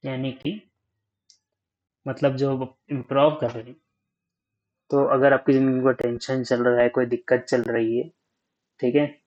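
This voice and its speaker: A young man giving a casual talk on speaking, unhurried, thinking aloud and often checking in with the listener. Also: mid-range voice, flat delivery, darkish tone, dull audio. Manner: frequent "ठीक है?" check-ins.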